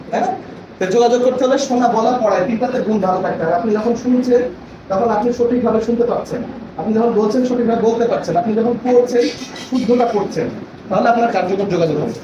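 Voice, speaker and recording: A man's voice: high-pitched, dull audio. A man training teachers in a classroom lecture, explaining with examples and often checking that the listeners understand. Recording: echoey room from far off, noisy.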